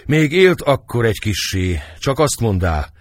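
A man voicing an old humble male peasant servant who reports in a plain, halting way, with a husky voice. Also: medium pitch, very animated, dry recording. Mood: grim.

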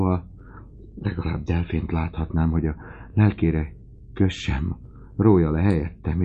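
A man voicing a dying old father in an audiobook, swinging between desperate shouts and faint whispers. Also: low-pitched, husky, narrow, tinny audio. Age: older. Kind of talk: audiobook character reading.

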